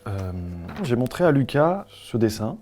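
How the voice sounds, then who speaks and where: A man playing a solemn, awkward doctor who gives grave news in a deadpan, hesitant comedy-sketch delivery. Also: medium pitch, measured pace, soft background music.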